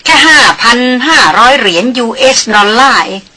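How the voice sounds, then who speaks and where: A woman's voice: a little high, animated, moderate pace, a little hiss or hum, voice pushed up. A woman voicing a haughty, wealthy young aristocratic woman doctor who talks in a teasing, dismissive way. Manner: sharp-tongued, teasing and dismissive.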